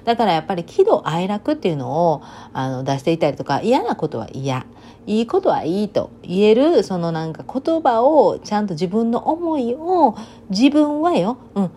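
A woman with a Kansai Banshu dialect accent, chatting through a casual solo monologue with lively storytelling and sudden dialect outbursts. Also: medium pitch, normal speed, a little hiss or hum. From Kansai region of Japan. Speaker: vlogger.

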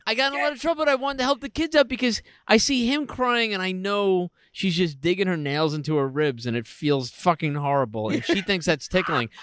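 A man's voice: high voice, brisk, hardly any pauses, a bit bright, clear, resonant tone, dry recording. Man telling a rambling anecdote, dry close. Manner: rambling anecdotes, acts out quotes. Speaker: podcast co-host. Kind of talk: casual chat.

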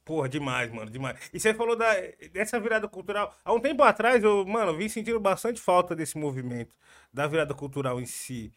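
A man hosting a casual podcast, slangy and energetic, talking straight to viewers. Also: high voice, brisk. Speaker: podcast host.

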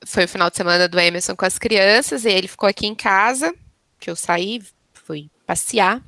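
Woman, Brazilian accent, 30s, bright tense voice, chatty, dry recording. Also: medium pitch, moderate pace, no echo. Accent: Brazilian Portuguese. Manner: chatty, expressive anecdotes. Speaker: podcast co-host. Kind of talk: casual chat.

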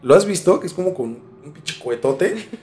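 Music runs underneath a high-pitched, animated male voice with a darkish tone, speaking at a normal speed. The Mexican-accented podcast host weaves scripted narration into loose, colloquial storytelling full of slang.

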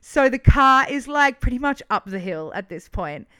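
An Australian woman co-hosting a chatty podcast, spinning a long story with lively energy and plenty of swearing. Her voice sits a little high and sounds smooth and clear. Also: normal speed. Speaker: podcast co-host. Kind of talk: casual chat.

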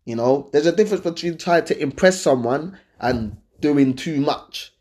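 A man's voice: on the high side, expressive, moderate pace, darkish tone. A man with a London accent chatting casually and giving his opinions to viewers in a slangy, conversational way, often checking that they follow him. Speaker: host giving dating and lifestyle advice.

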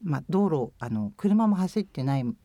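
Her voice is deep and dark with big pitch swings as she speaks at a normal pace. A woman in her fifties from Chiba, Japan and a former overseas volunteer, she answers the interviewer's questions hesitantly and thoughtfully, full of fillers, in a dry recording.

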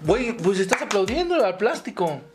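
A Mexican man with a notably high voice tells crude, rambling stories in casual comedy banter. He swears nonstop and laughs along at his own jokes. Music plays underneath the talk. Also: big pitch swings, moderate pace. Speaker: comedy podcast co-host.

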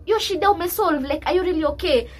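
A woman's voice: extremely high pitch, fast talker. A woman with a Kenyan accent chatting casually as a podcast co-host, emphatic and full of advice, switching between English and Swahili slang.

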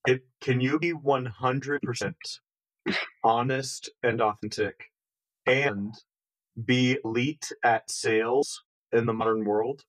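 A man's voice: medium pitch, fairly even intonation, takes it slowly, rough recording. A man hosting a casual podcast interview, upbeat and encouraging with slangy asides. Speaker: podcast host.

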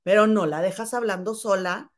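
A woman's voice: medium pitch, moderate pace. A Mexican woman co-hosting a casual gossip chat, indignant, reading out viewer comments and calling her co-host "comadre".

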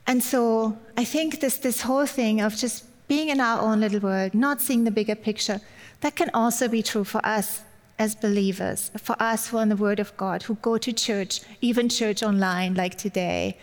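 This guest speaker, a middle-aged woman from Germany with a German accent, preaches a personal church sermon sprinkled with light humor. Her voice is fairly high and her speed normal, heard through long hall-like reverb.

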